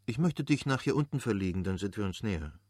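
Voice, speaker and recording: A man reading the lines of a brisk, faintly mocking married woman in an audiobook. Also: lowish voice, animated, a little mellow, no room sound, studio quality.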